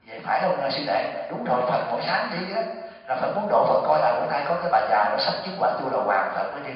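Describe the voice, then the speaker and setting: A man giving a Buddhist dharma talk, telling a story in a conversational way with asides to the listeners. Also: medium pitch. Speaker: Buddhist monk teacher. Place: temple hall. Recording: echoey hall from far off, dull.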